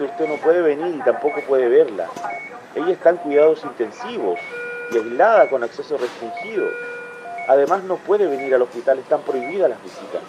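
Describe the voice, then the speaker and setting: A man's voice: mid-range voice, lightly acted, poor audio. An actor playing a male hospital doctor who gives bad news by phone, firm, patient and formal, in a radio drama.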